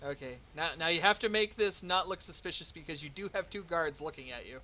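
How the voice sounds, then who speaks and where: A man's voice: on the high side, fairly quick, sharp tone. A man running a tabletop game as game master, playful and punning, laughing often.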